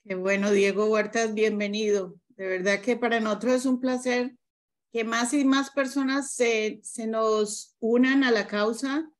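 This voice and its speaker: A woman's voice: a little high, steady tone, unhurried. Woman hosting a video-call meeting. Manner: warm, welcoming introductions. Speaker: meeting host. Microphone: video call webcam.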